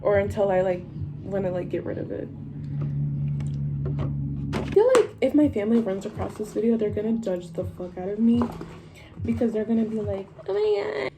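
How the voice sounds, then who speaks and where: With music in the background and noisy audio, a young woman vlogger chats to camera as she gets ready. She speaks at medium pitch and normal speed but pauses often, her stoner-style rambling informal and full of swearing.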